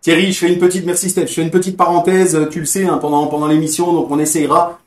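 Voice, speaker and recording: A man's voice: fairly high pitch, level tone, fast talker, echoey room. A man hosting a live football talk show, chatting and reading out viewer comments. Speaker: host.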